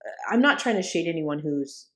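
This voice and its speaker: A woman with a fairly low voice co-hosts a podcast in relaxed conversation. She talks in a chatty, looping way, dropping sarcastic asides and asking whether her point landed. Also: brisk. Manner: chatty, sarcastic asides, frequent "like" and "do you know what I'm saying". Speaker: podcast co-host. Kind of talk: casual conversational podcast chat.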